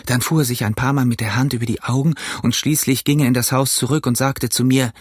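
Husky man reading an audiobook. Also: mid-range voice, dry recording. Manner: steady, measured storytelling. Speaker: narrator.

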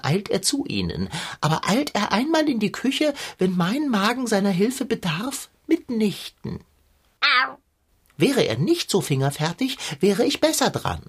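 A woman's voice: mid-range voice, husky, heavily acted. A woman voicing a pompous, plump male sidekick who is always hungry, speaking in grand, old-fashioned phrases in a children's radio play.

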